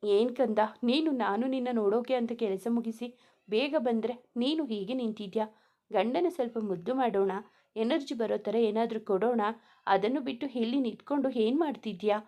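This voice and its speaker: A woman's voice: a little high, normal speed, warm tone, natural voice. A woman voicing a young husband who talks to his wife in a teasing, affectionate way. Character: young man, tender romantic husband.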